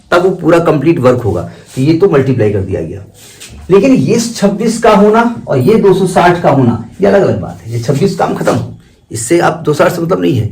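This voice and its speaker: A man's voice: a little high, a little mellow, slight background noise, low-quality recording. A man teaching a maths lesson to students, explaining step by step in a conversational way, correcting himself and repeating points for emphasis. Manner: conversational Hindi-English mix, repeats and corrects himself, urges care.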